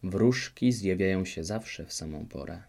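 Storybook bit: man as a fairy godmother, calm and matter-of-fact, low, dark and gravelly. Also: measured pace, heavily acted. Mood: calm assured. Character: brisk cheerful fairy godmother, woman.

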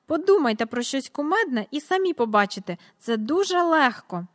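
A woman's voice: sits high, very animated, moderate pace, in a large hall, voice pushed up. A woman reading a storybook aloud, voicing an eager little boy who blurts out his words.

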